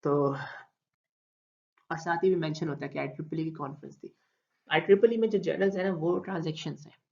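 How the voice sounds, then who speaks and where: A man with a Pakistani Urdu accent giving a recorded online lecture, explaining slowly with repeated terms and many fillers. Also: a little high, steady tone, gravelly, a little mellow. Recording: dull lo-fi recording.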